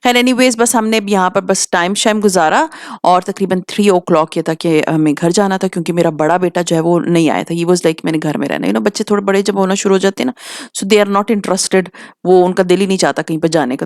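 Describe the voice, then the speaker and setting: A woman's voice: fairly low pitch, steady tone, no room sound, studio quality. A woman in her thirties from Pakistan, chatting casually through a home vlog and mixing in English phrases. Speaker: vlogger.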